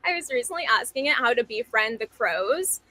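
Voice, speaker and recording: A New Jersey woman in her twenties, a contestant on a dating show, chats and laughs easily during a speed date. Her fairly high voice is lively, a little fast and sharp-toned, with no echo.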